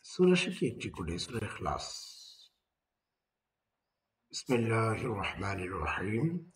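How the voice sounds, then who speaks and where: Slow, patient man teaching Quran recitation. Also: fairly low pitch, very animated, far from the mic, slight background noise. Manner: slow, drawn-out spelling and repetition of Arabic words. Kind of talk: step-by-step Quran recitation lesson.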